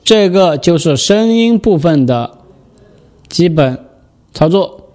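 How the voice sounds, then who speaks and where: A man giving a step-by-step software tutorial, explaining and patiently repeating the key steps. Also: fairly high pitch, expressive, slow.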